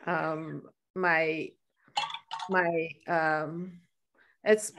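A middle-aged Chinese woman, a native Chinese speaker, answers questions as a guest speaker in an online video meeting from a room at home by a staircase. Her voice is low and a bit bright, with a flat delivery and drawn-out words. She thinks aloud with many fillers and restarts.

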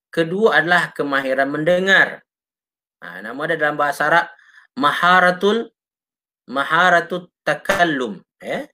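Malaysian male religious teacher, bright forceful tone, casual chatty lesson that keeps checking in with viewers. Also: on the high side. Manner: chatty, often addresses listeners, punctuates with short "ha, ya" tags; reads out and answers viewer comments. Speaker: Islamic teacher. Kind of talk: casual live teaching talk.

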